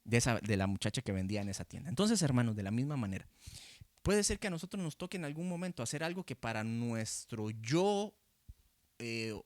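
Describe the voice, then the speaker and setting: A Costa Rican man preaching a teaching sermon, his voice sitting at an ordinary middle pitch. He talks loosely and conversationally, often tagging his points with a questioning "¿verdad?". The sound is close and dry, from a handheld mic with no room echo. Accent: Costa Rican Spanish. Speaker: pastor. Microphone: handheld microphone facing a camera.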